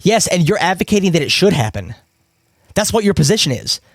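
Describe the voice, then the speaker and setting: A man's voice: high-pitched, sing-song, a little fast, no echo, studio quality. A man from Kentucky arguing his side in a live debate, with emphatic, pushy delivery. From Kentucky, USA. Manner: emphatic, argumentative. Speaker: debate guest.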